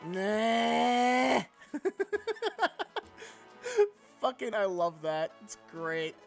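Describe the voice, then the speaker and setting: Giggly, high-voiced woman streamer. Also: expressive, measured pace, a bit bright, faint music behind. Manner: giggly, swears freely, rambling. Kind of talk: casual live game-stream chat.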